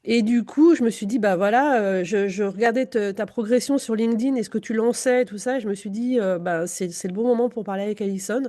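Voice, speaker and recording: A woman's voice: mid-range voice, fairly quick, hardly any pauses, warm tone. A woman hosting a conversational interview podcast as a career coach.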